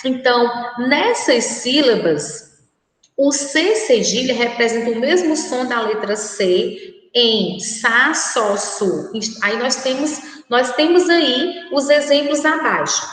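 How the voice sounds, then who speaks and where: A woman teacher with a Brazilian Portuguese accent, giving a recorded lesson to children and speaking slowly and carefully, repeating words for them to say aloud. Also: sits high, animated, a bit bright. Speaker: primary school teacher. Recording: very echoey room with long reverb.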